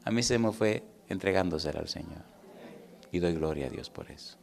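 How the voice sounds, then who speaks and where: Middle-aged male pastor, sermon delivery, swings loud to hushed. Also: sits low, moderate pace, gravelly. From Caribbean. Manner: storytelling, swings from loud and animated to hushed and intimate; asks the congregation questions.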